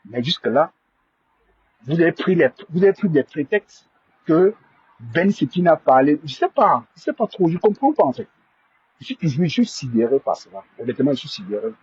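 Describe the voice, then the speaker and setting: A man's voice: on the high side, big pitch swings, normal speed, a little mellow, breathy edge, dry recording, highs cut off. A man hosting a live stream, stammering and repeating himself as he defends himself to viewers. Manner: indignant, defensive.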